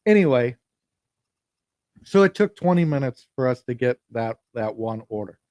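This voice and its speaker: With lively intonation but no rush, a man with a medium-pitched, darkish voice hosts a podcast livestream alone. He chats and rambles, regularly restarting or repeating his sentences, speaking into a phone. The audio is clean studio sound with no echo.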